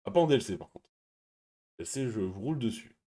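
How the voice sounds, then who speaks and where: A man hosting a stream, chatting casually and reading viewer messages, speaking quietly and laughing often. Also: on the low side, lively intonation, quick pace. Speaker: stream host.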